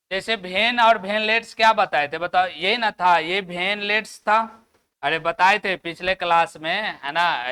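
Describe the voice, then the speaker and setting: A man's voice: high voice, pushed and bright, clean tone. A man with a Bihari Hindi accent teaching a classroom biology lecture. He keeps asking the class questions, answers them himself, and tags his sentences with "है ना". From Bihar, India.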